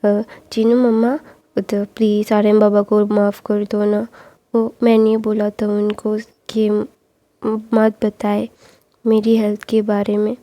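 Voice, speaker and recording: A woman's voice: mid-range voice, completely flat delivery, slow, mellow, no echo, lightly acted. A woman voicing an apologetic young man who coaxes and begs his elders to forgive his father. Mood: begging. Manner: apologetic, coaxing.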